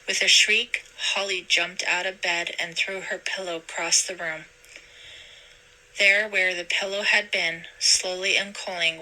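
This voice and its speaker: A woman narrating a storybook aloud in a steady, measured way. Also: on the low side, low-quality recording. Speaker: storybook reader.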